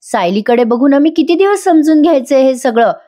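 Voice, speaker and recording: A woman's voice: high-pitched, animated, a little fast, warm tone, pitched above the performer's own voice. A woman voicing a caring middle-aged mother who sounds worried and urges her son on.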